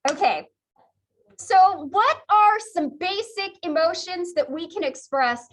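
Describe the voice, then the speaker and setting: A woman's voice: very high-pitched, animated, slow. A woman teaching a psychology class in a chatty, conversational lecture style, laughing often. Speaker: psychology instructor.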